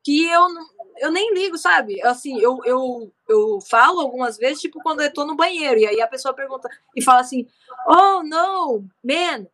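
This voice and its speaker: A young woman chatting casually as a guest, animated and acting out quoted dialogue. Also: sits high, a little fast. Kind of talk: casual chat.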